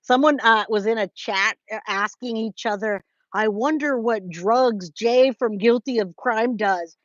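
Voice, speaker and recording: A muffled, dry recording captures a true crime livestream host, an American woman in her forties from California, speaking on the high side at a measured pace. She chats informally with viewers about their comments, calling them guys, babe, and my love. She's emphatic and repeats herself for effect.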